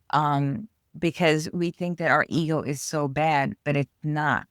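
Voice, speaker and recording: A low-pitched woman's voice with a New York accent belongs to an author appearing as a guest to discuss spiritual growth. She is earnest, flowing, and explanatory in this spiritual interview talk, and the studio-quality audio has no echo.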